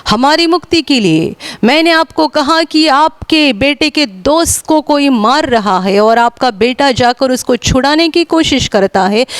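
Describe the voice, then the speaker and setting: High pitched indian woman preaching slow and earnest, dry close sound. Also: dry recording. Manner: earnest, repetitive, rises in pitch for emphasis. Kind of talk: Hindi sermon.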